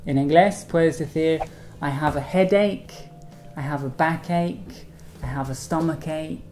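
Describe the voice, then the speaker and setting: A man teaching English vocabulary in a bilingual lesson, repeating each model sentence slowly and carefully. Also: a little high, darkish tone.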